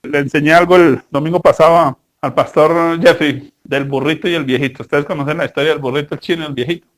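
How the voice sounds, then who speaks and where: A pastor preaching to his congregation in a high-pitched male voice. He tells stories and acts out the voices of the people he quotes, in a lively preaching manner. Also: fast talker. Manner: animated preaching with acted-out quotes and storytelling. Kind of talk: sermon.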